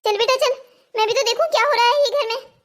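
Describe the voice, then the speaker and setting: A woman's voice: very high voice, fast talker, slight background noise, pitched above the performer's own voice. A woman voicing a fussy, worried old grandmother in a cartoon story, scolding and alarmed. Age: older.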